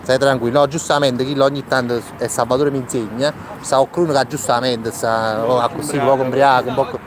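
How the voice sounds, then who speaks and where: Neapolitan man over loud street noise. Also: mid-range voice, fairly even intonation, brisk. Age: 30s. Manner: reassuring, repeats short phrases. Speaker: charity volunteer hosting a live street video. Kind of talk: casual live street chat. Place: outdoor city street. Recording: noisy outdoor city street with traffic.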